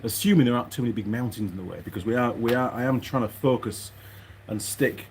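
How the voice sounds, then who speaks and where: Medium in pitch and quick in pace, a mechanic vlog host chats casually in his workshop, muttering, hesitant, and meandering. Clicks and rustling parts make for a noisy recording.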